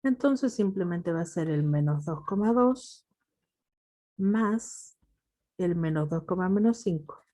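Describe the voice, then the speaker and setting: A woman's voice: fairly low pitch, lively intonation, takes it slowly, dark tone. Patient Chilean woman teaching math. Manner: patient, affectionate with students. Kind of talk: online class lecture.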